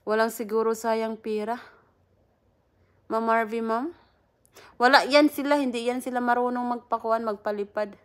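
Filipina lady w doing a live, chatty, shouts out viewers, high voice. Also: fairly even intonation, moderate pace, long pauses. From Philippines. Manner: chatty, greets viewers by name, laughs often. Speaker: livestream host. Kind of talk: casual livestream chat with viewers.

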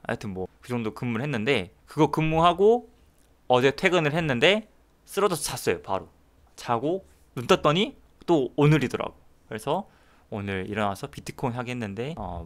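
A man's voice: mid-range voice, animated, normal speed. A young man chatting casually on a stream, joking and teasing, acting out quoted voices. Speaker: doctor vlogger streaming. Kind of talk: casual livestream chat.

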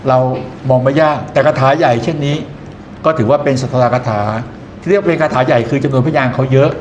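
A man's voice: mid-range voice, fairly even intonation, fast talker, dull audio, a little hiss or hum. A man lecturing in an explanatory way, often posing questions to his listeners and then answering them himself. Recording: echoey room, faint ambience.

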